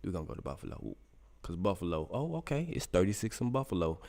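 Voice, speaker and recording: A man's voice: low-pitched, big pitch swings, quick pace, gravelly, a little mellow. A middle-aged man hosting a casual live radio stream, reading out weather for listeners in the chat, loose and joking, talking to himself as he searches.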